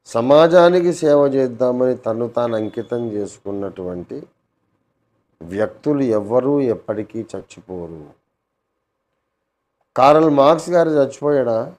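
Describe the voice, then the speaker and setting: A man in his late sixties answering questions calmly and deliberately, often asking rhetorical questions. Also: medium pitch. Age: 60s. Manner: calm, measured, with rhetorical questions. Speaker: interviewee. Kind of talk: Q&A conversation.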